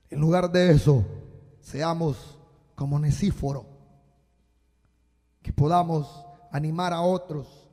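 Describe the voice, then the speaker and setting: Slow, gravelly high-voiced preaching man. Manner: slow, emphatic preaching with sudden loud bursts. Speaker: pastor. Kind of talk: sermon. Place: church sanctuary. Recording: live church hall with long reverb.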